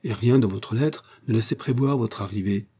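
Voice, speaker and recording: A man's voice: lowish voice, normal speed, dark tone, breathy edge. A man reading aloud, voicing a young man who speaks plainly and mildly reproachfully. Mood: surprised. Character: young man, surprised friend.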